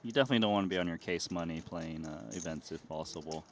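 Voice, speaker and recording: A man's voice: low-pitched, quick pace, slight background noise. A man giving analytical live poker commentary in a conversational way.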